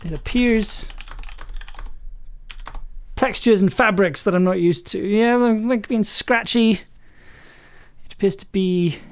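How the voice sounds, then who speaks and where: A streamer and writer thinks aloud while drafting an entry for a journaling game, speaking slowly in a mid-range voice with long pauses. She often hesitates, trails off and rereads lines she has drafted. Faint music and keyboard typing play in the background.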